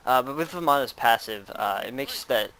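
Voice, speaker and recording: A man's voice: mid-range voice, animated, moderate pace, sharp tone, clean tone. A man giving casual, rambling commentary over his own gameplay, with many fillers.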